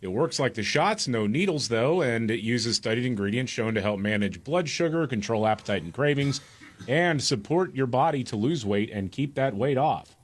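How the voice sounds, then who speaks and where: A man's voice: medium pitch, lively intonation, normal speed. A man co-hosting a radio talk show, reading ads and news in a laid-back, conversational way. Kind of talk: casual studio banter and ad reads.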